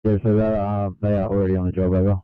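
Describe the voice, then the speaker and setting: Man, radio operator, over a two-way radio, low voice, tinny line. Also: flat delivery, clean tone, no room sound. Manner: brisk clipped radio procedure. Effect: heard over a two-way radio. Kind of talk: emergency radio traffic.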